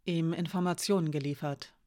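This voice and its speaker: Woman doing calm quiet spy lady, soft and low, earnest. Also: moderate pace, natural voice.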